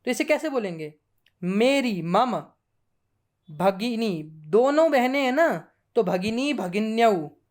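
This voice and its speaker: Woman teacher, fairly high voice, patient and repetitive, checking in as she explains. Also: expressive, slow pace, darkish tone. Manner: patient, repeats forms, frequent checking 'theek hai'. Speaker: Sanskrit grammar teacher. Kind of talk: classroom lesson.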